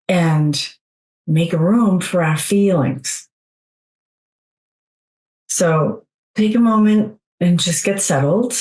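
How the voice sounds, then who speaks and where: A woman leads a guided meditation in a soothing, gentle, unhurried way, leaving long pauses between phrases. Her voice is lowish, and the audio is poor.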